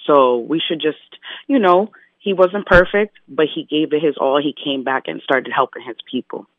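A woman calling in to a live talk show over a clipped phone line, making an earnest, measured point with a few fillers. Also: low voice, dry recording. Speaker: caller. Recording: tinny, narrow-band phone line.

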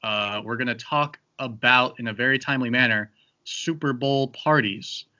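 A man's voice: medium pitch, normal speed, sharp tone, lo-fi sound. A man hosting a casual podcast chat, joking and loose, with plenty of fillers. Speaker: podcast host.

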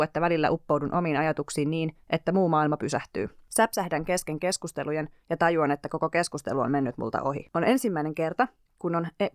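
A young adult woman, a podcast co-host, reading her own diary entries aloud slowly and carefully, then chatting casually. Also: deep voice, dry recording, clean studio sound.

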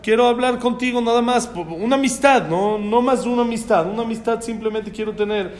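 A man's voice: on the high side, big pitch swings, normal speed, darkish tone, reverberant. A man voicing a lovestruck young man who pleads to speak with a princess, in an earnest, pleading way.

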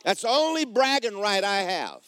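A male pastor preaches with a fairly high voice that swings across a wide range of pitch. He draws his phrases out and lets them sink low and quiet, then jumps into loud bursts. The sound is dry and close. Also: very animated, dry recording. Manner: emphatic preaching with swooping pitch and sudden shouts; slow, drawn-out phrasing, dropping low and quiet at line ends. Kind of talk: sermon. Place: church.

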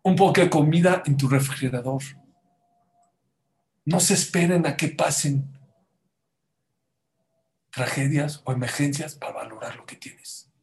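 A man preaching a sermon to a congregation, dramatic, dropping to a hush and then rising loud as he acts out the people in his stories. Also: on the high side, a little slow, gravelly, long pauses. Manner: dramatic, swings from hushed to loud, acts out quotes.

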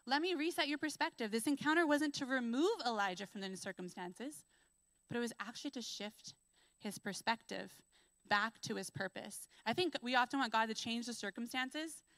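A woman with a fairly high voice gives a sermon in a relaxed, conversational way, leaning on fillers as she thinks aloud. When she reads from scripture she slows down and builds the phrases up with rising emphasis. The sound is close and dry, with no room echo. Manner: conversational, earnest, with many "like" fillers. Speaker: preacher. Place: church.

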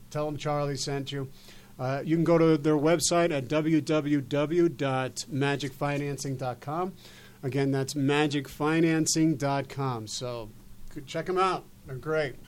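Male talk show host, fairly high voice, emphatic and rambling off the cuff, faint background noise. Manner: rambling, emphatic, stop-and-start phrasing. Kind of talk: unscripted show introduction and chat.

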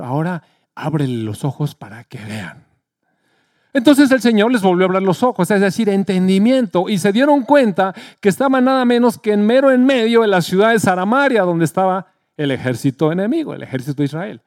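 A man preaching a sermon, retelling a story and acting out the quotes with a lively delivery. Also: high-pitched, a little fast, no room sound, studio quality. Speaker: pastor.

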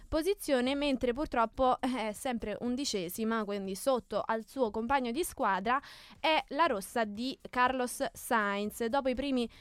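Young female radio co-host, fairly high crisp voice, casual banter, dry studio. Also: measured pace, dry recording. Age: young adult.

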